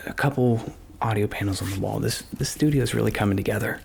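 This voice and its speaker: A man doing casual ASMR, rambling and thinking aloud in a hushed, often whispered voice, close to a microphone in a small home studio. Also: on the low side, fast talker. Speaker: ASMR video creator. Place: small home studio bedroom with acoustic panels. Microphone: stereo XLR microphone, close up. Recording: clear background noise, clicks.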